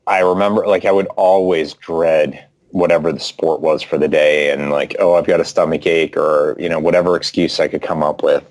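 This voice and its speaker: A man's voice: a bass voice, fairly even intonation, normal speed, a little mellow. A man being interviewed as a guest, telling a personal story in a reflective way with frequent fillers. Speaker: guest author. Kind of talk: interview conversation.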